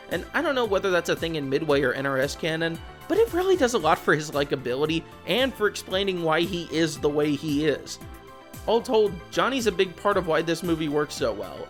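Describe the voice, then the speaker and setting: Scripted commentary comes from a video essayist who slips in informal, wry asides. The mid-range voice has a slightly bright quality, and background music runs beneath it.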